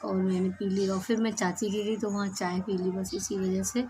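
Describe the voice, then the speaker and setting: A woman's voice: mid-range voice, level tone, moderate pace, noisy background. A woman vlogger chatting casually to camera in a rambling, homely way while recovering from a cold.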